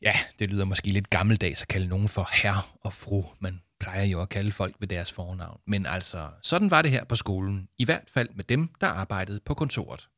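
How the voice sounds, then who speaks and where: A man narrating a children's audiobook in a calm, lively storytelling manner. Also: deep voice, hardly any pauses, no room sound, clean studio sound.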